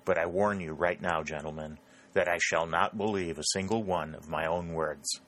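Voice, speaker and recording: A man's voice: low voice, fairly even intonation, normal speed, fairly bright tone. A man reading aloud, voicing a grave and candid male newspaper editor in a storybook reading.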